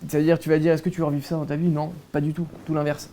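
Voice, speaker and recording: A man's voice: on the high side, flat delivery, rapid-fire, crowd noise. A young man from France, a guest in a casual interview, recounting his childhood with many hesitations and restarts.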